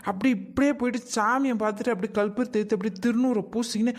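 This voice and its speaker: A woman's voice: on the high side, quick pace, close to an everyday voice. A woman voicing a young wife in a comedy cartoon, pleading and wheedling to be allowed out. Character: pleading young wife eager for the temple fest.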